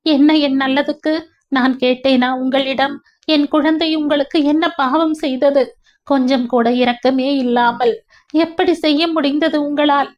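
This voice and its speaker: A woman's voice: high voice, fairly even intonation, unhurried, voice pushed up. A woman voicing a young pregnant woman, grief-stricken and furious, speaking in a distraught, accusing way. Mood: anguished fury. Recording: dull lo-fi recording.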